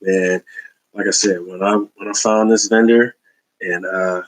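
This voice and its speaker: A man's voice: low voice, fairly even intonation, a little slow, rough recording. A man in a casual, rambling collector's video, talking loosely with slang and plenty of fillers as he shows his finds. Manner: laid-back, slangy, rambling with many fillers. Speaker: comic book collector showing a haul. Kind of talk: casual haul video chat.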